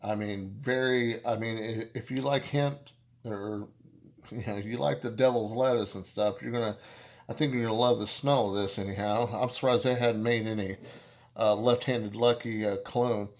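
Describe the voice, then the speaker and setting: A man talks through a beer review in a casual, meandering way, and his voice sits a little low. He keeps stopping and restarting his sentences and padding them with fillers. He slips in self-deprecating jokes as he goes. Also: steady tone. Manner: rambling, halting, with many restarts and fillers.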